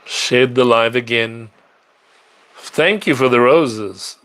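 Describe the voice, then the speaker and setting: This middle-aged South African speaks slowly in a mid-range, slightly bright voice while hosting a casual live stream from a large-city apartment. He answers viewer questions, rambling and often restarting or using fillers.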